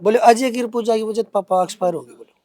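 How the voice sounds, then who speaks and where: This high, warm voice belongs to a young Haryanvi-accented man from Haryana, India, who talks fast. As an interviewee facing accusations, he pushes back in an unscripted, emphatic, colloquial way, circling back to the same phrases.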